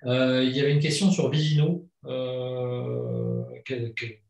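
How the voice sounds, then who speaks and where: A man hosts a casual live panel discussion. His middle-pitched voice comes through with a roomy echo, sitting some way from the mic. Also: takes it slowly, a little mellow, recorded from a distance. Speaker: host of a wine talk show.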